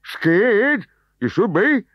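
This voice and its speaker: A man reading a storybook, voicing a huge, mean male gladiator trainer in a very high, loud, snarling voice. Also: measured pace, no room sound, lightly acted. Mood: menacing. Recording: dull, dry recording.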